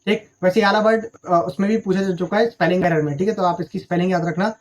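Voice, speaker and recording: High-voiced man teaching vocabulary. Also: steady tone, fast. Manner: explains with rhetorical questions, says "ठीक है" after almost every line. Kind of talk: recorded vocabulary lesson.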